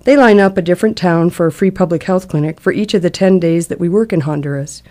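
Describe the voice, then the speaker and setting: A middle-aged woman narrates a personal essay in a public radio style. Her voice sits a little low and is dark and mellow, without any hard edge. She reads in a measured, reflective storyteller's way. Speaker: essayist reading a personal travel account.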